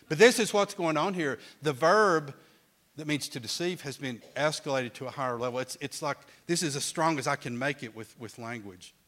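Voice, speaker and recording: A man's voice: medium pitch, a bit bright. A middle-aged man teaching a Bible class in a conversational way, often restarting words and putting questions to his listeners.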